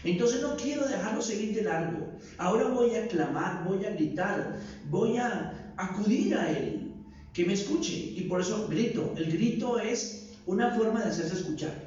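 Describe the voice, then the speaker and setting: A man giving a sermon as a priest, speaking deliberately with rhetorical questions and repeated phrases, recorded in a large church. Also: high-pitched, animated, a little mellow. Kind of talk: sermon reflection. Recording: echoey, distant, dull recording.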